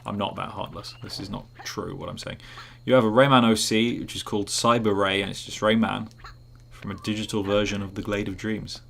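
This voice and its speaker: A man's voice: fairly low pitch, level tone, a little fast, creaky, fairly bright tone, a little hiss or hum. A man streaming live gameplay who rambles, jokes and chats with his viewers. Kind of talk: casual live gameplay commentary.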